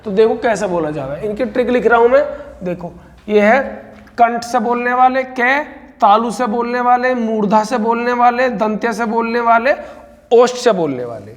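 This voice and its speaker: A man teaching a Hindi exam-prep lesson, briskly repeating points and calling his students brother. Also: extremely high pitch, big-room sound.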